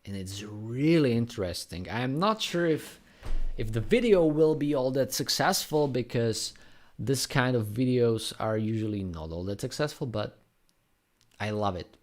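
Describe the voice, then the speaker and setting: Slow-talking man with a Slovak accent. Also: mid-range voice, animated. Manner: unhurried, rambling, answering chat questions. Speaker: graffiti artist live streamer. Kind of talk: casual live stream chat.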